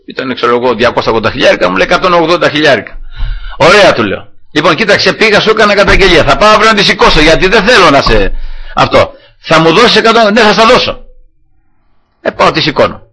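A man's voice: a little high, pushed and bright, husky. A man preaching a sermon to his congregation, telling a personal story and acting out the dialogue in it.

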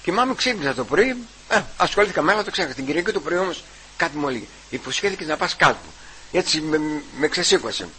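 A man giving a personal testimony at church. He retells the conversations and keeps repeating "I say" and "he says", with halting restarts. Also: a little high, sing-song, pushed and bright, a little hiss or hum, low-quality recording.

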